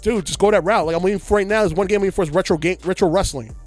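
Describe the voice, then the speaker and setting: A man's voice: high voice, racing, faint music behind. A man co-hosting a podcast, ranting in casual chat and sometimes mocking voices. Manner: animated, ranting, mocking voices mid-rant. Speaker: podcast co-host.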